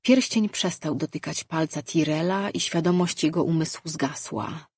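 A woman reading a fantasy audiobook as narrator, in steady, measured storytelling. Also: low voice, slightly rough, no room sound, studio quality. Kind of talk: scripted narration.

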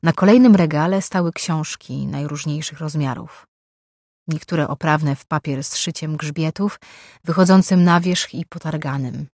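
A woman reading a fantasy audiobook in a calm, measured way. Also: low voice, dry recording, studio quality. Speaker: audiobook narrator. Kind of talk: scripted audiobook narration.

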